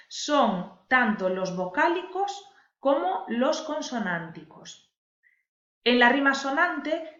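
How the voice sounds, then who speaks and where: Pitched high and a little bright, this female teacher takes her time explaining the lesson, stressing important words for those watching. Sound is lo-fi and dull, bouncing around an echoey room.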